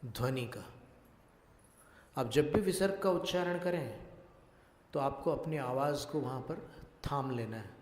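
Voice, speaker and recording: A male monk giving a religious discourse, teaching Sanskrit pronunciation slowly and deliberately and putting questions to his listeners. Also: mid-range voice. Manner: slow, deliberate, questions the audience. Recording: echoey hall with long reverb.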